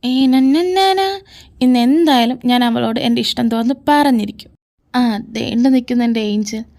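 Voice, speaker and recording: Voicing each character of a fan-made audio drama, a woman moves through arguing, teasing and pleading tones. Her voice sits a little high with a darkish quality, delivered at a moderate pace over faint background music.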